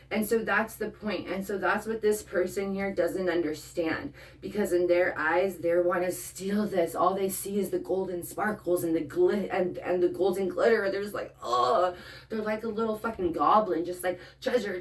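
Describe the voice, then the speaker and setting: Woman tarot reader, casual and profane, middle pitch, sits back from the mic. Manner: blunt and profane, checks in with "okay?" often. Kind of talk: casual spoken tarot reading to the viewer. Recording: voice a bit far from the mic.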